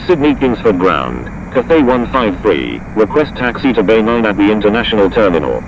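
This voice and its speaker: Casting: male simulator pilot on the radio, lowish voice with animated pitch, clipped phraseology. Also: moderate pace, dull audio. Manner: formulaic, clipped readbacks. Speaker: pilot on air traffic radio. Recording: noisy simulated radio traffic.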